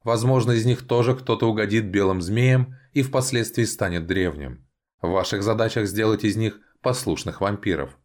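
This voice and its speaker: A man's voice: on the low side, moderate pace, pitched above the performer's own voice, lightly acted. A man voicing a haughty, spiteful male elf envoy who speaks raised, stern and commanding.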